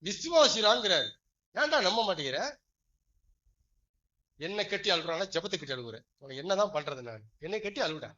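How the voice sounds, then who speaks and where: A high-pitched man delivers a sermon, swinging between low, quick asides and loud, drawn-out emphatic phrases. He keeps putting questions to his listeners. The recording sounds dull and lo-fi. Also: sing-song. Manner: questions the congregation often. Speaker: preacher.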